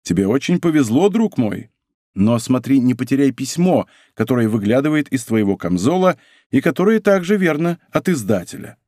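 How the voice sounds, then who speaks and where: A man's voice: mid-range voice, big pitch swings, normal speed, warm tone, no room sound, studio quality. A man voicing a bold, teasing young male nobleman in an audiobook reading.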